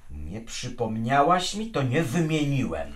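Grumbling middle-aged husband, radio comedy, lively pitch. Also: male voice, measured pace. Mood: flustered. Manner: exasperated, wheedling, lively intonation.

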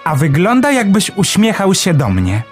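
A man voicing a cheerful, excitable young male sparrow in a children's storybook reading, with a chirpy, eager manner. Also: high-pitched, normal speed, faint music behind, voice pushed up. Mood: curious.

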